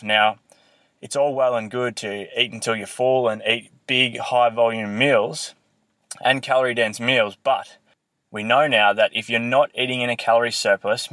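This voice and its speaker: A man hosting a fitness podcast, explaining and coaching earnestly, recorded with low audio quality on a built-in laptop microphone. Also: a bit bright, no echo. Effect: low quality audio from a built-in laptop mic. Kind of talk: solo podcast, instructional talk.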